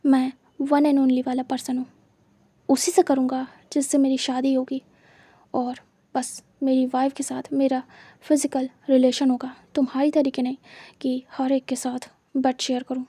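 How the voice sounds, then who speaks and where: A woman's voice: high voice, monotone, measured pace, mellow, husky, dry recording. A woman voicing a stern, proud young man held captive, who answers coldly and with scorn in a retold story. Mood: scornful. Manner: cold, scornful, refusing.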